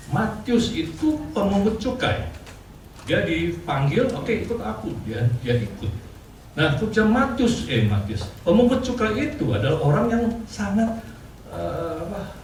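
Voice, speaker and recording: Chatty pastor in an echoey hall. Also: male voice, sits high, darkish tone, a little hiss or hum. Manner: chatty, laughs often, frequent fillers. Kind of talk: casual conversational sermon. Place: church hall. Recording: distant mic in echoey church hall with faint ambience.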